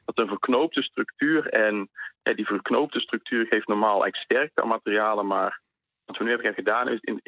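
A man's voice: on the low side, moderate pace, dry recording. Man on a tinny phone line. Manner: explanatory, hesitant with many fillers. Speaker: university researcher interviewed by phone. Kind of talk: phone interview.

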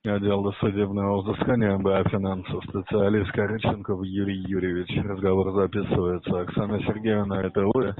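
A male debt collector speaks over a thin, tinny phone line with very little room sound. His voice is fairly low and growly, his R sounds are burred, and he pushes sternly, repeating himself. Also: flat delivery, brisk, hardly any pauses, no echo. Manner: stern, insistent, repetitive.

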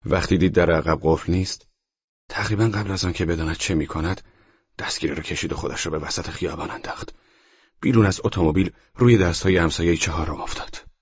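A man narrating an audiobook in a measured, tense storytelling voice that sometimes drops to a whisper. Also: deep voice, slightly rough, no echo, lo-fi sound. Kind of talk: scripted narration.

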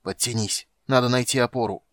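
A man voicing a grim male monster hunter who speaks in urgent, gruff commands. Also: medium pitch, fairly even intonation, brisk, a bit bright, no room sound, clean studio sound, close to an everyday voice.

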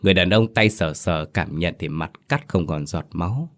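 A man narrates a horror story in a steady, grave voice. His pitch sits very low and deep. The telling is measured and serious.

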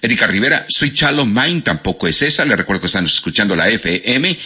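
A man's voice: fairly low pitch, fairly quick, husky. A man with a Colombian Spanish accent hosting a radio quiz, reading out listeners' answers. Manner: animated, reads out listener answers. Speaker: radio host. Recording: lo-fi radio broadcast.

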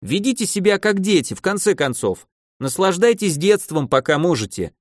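A man's voice: high-pitched, very animated, moderate pace, dry recording, studio quality, voice pushed up. A man voicing a boisterous old archmage stuck in a child's body, who bellows gleefully and scolds in a wheedling tone. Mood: indignant.

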